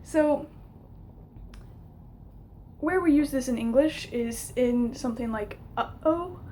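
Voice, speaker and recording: A young adult woman with a slightly high voice talks through an informal lesson to camera. She explains step by step, a little hesitantly. The home recording has some noise behind her. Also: slow pace, dark tone. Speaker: linguistics teacher. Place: small room at home, indoors.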